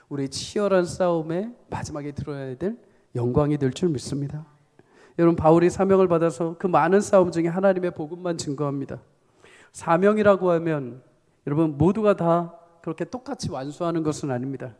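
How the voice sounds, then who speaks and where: A middle-aged man preaching with fervor from the pulpit, his voice sitting a little high for a man. It rises to loud, ringing exhortations, then falls to a soft, close tone. The church hall gives it a long reverb. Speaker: senior pastor. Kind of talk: sermon at a Friday prayer meeting. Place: church sanctuary.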